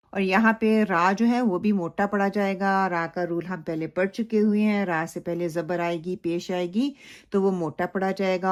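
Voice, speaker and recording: Woman teaching Quran recitation. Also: fairly low pitch. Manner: explains slowly, then recites phrases drawn out. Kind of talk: recitation lesson with model recitation.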